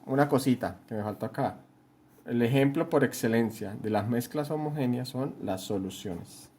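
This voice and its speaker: A man's voice: mid-range voice, moderate pace, darkish tone, breathy edge. A man from Colombia teaching a chemistry lesson while writing on a board, explaining patiently and often checking that students follow. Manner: writes on a board while talking. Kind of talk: home-school lesson at a whiteboard.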